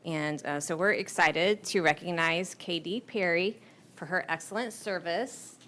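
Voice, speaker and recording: A woman's voice: on the low side, measured pace, fairly bright tone. A woman giving an informal recognition speech as a human resources director at a public meeting. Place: government meeting room. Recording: public meeting room with people murmuring.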